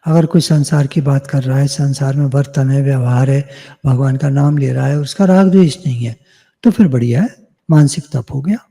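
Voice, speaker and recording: A man giving a devotional discourse on scripture over a video call, teaching in a measured way, repeating phrases and asking and answering his own questions. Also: medium pitch, warm tone, long reverb tail. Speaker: spiritual teacher.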